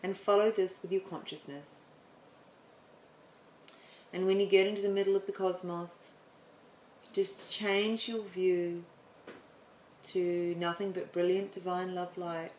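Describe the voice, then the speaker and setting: A woman explaining the planets in a chatty way, then leading a guided meditation with slow, soothing instructions and some stumbles. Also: fairly low pitch, steady tone, a little mellow, echoey room, a little hiss or hum, rough recording. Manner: chatty, apologetic, stumbles over words.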